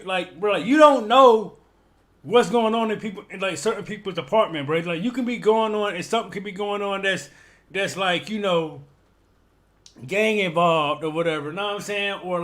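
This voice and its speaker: A man's voice: high-pitched, fairly bright tone. A man hosting a reaction video, talking in slangy, rambling, emphatic casual commentary.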